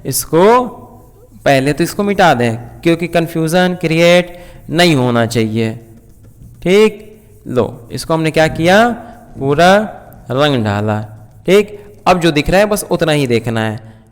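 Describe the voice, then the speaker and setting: Male teacher, high voice, repetitive question-and-answer classroom delivery, long reverb. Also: expressive, slow, long pauses, clear, resonant tone. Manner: asks questions and repeats key points. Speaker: English teacher. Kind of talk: classroom grammar lesson.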